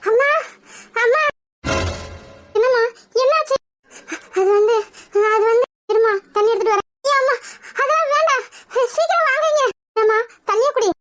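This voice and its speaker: A woman voicing quarrelling village women, a frantic mother and a sharp-tongued neighbour, with shrill rapid-fire bickering. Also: soft background music.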